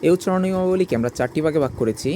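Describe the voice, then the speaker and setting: A man's voice: on the high side, lively intonation, very fast, warm tone, a little hiss or hum. A man teaching English, working through a pronunciation lesson in a methodical, letter-by-letter way.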